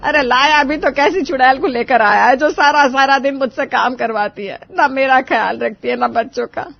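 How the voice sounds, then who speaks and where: A woman's voice: sits high, normal speed, gravelly. A woman voicing a whiny, dramatic elderly mother-in-law in a cartoon, wailing and complaining. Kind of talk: cartoon voice acting. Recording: dull dry studio voice-over.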